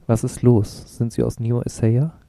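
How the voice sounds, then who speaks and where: A man voicing an urgent male embassy official who asks quick, pressing questions, in an audiobook. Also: medium pitch, little pitch movement, gravelly, mellow, no room sound.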